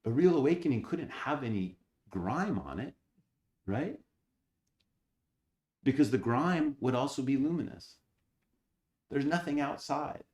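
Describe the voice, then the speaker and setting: A man, an abbot, giving a Zen Dharma talk, reading old texts slowly and then explaining them with rhetorical questions. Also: mid-range voice, expressive, a little mellow, echoey room.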